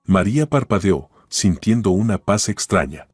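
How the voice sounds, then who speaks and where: A man narrating a dramatic story in a calm, even storytelling manner, in a scripted voice-over. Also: lowish voice, moderate pace, slightly rough, no echo. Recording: dry close voice-over with faint music.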